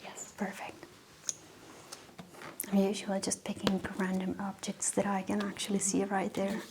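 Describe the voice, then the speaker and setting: A woman whispering gently as a doctor in a medical ASMR roleplay, giving soft step-by-step instructions. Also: medium pitch, monotone, normal speed, background noise.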